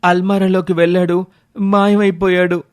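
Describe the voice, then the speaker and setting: Cartoon storybook role: man doing brave young friend, a bit higher than usual, urgent and resolute. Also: little pitch movement, moderate pace, smooth, no room sound, studio quality, natural voice. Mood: distressed. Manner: urgent, calling out and determined. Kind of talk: animated storybook voice acting.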